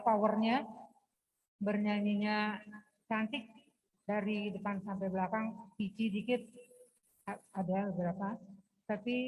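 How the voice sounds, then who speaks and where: A woman judging a singing contest, giving measured, even-toned feedback. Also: medium pitch. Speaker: singing competition judge. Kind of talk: spoken judge feedback. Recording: tinny phone-like sound.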